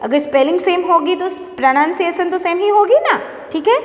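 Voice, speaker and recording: A woman's voice: very high-pitched, expressive, brisk. A woman teacher with an Indian English accent explains a lesson to her students, repeating each point patiently and checking in with "okay?". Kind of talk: classroom lesson mixing Hindi and English. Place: classroom. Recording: echoey room, long reverb.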